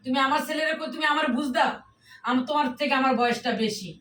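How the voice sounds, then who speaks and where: Woman playing a scolding, high-voiced mother-in-law. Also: fast talker, a bit bright, a little hiss or hum. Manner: scolding, repeats accusing questions. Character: nagging suspicious mother-in-law, older woman. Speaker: actor in a comedy skit. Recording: roomy, voice from a distance.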